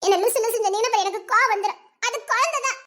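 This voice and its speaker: A woman's voice: extremely high pitch, expressive, fast talker, fairly bright tone. A woman voicing a stubborn, confused young daughter who keeps protesting, with a Tirunelveli Tamil accent. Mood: insistent. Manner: insistent, protesting. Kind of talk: Tamil serial drama dialogue.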